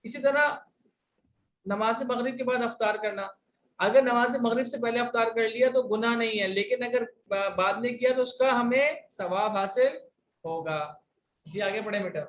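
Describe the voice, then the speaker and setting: A man's voice: very high-pitched, normal speed, fairly bright tone. A man from Pakistan teaching a religious class, patiently asking rhetorical questions and answering them himself. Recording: roomy sound, distant from mic, faint hiss.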